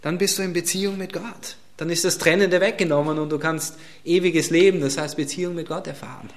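Man preaching, kinda high voice, repeats stuff for emphasis, goes loud then almost whispers. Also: fairly even intonation, brisk. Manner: swings from emphatic loud lines to hushed near-whispers; repeats key phrases for emphasis. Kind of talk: sermon.

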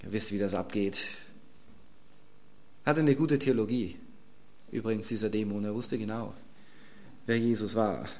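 A man's voice: fairly low pitch, a little slow, long pauses, darkish tone. A male pastor preaching a sermon in an emphatic, conversational way and chuckling between points.

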